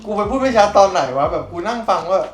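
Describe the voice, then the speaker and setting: A young man co-hosting a podcast, retelling stories in quick, crude casual banter while cooking at home. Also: high-pitched, animated. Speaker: podcast co-host. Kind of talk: casual chat. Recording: echoey room with background noise.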